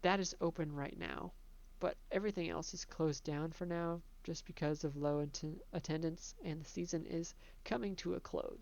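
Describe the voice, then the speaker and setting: A woman casually narrating a tour of her own theme park, chatty and relaxed, laughing between remarks. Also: low voice, lo-fi sound.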